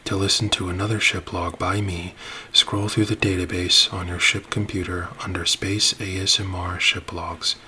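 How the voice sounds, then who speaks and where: A man narrating a space-ship ASMR roleplay in a soft, soothing voice that drops into whispers. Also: low voice, level tone, moderate pace, few pauses, a little hiss or hum.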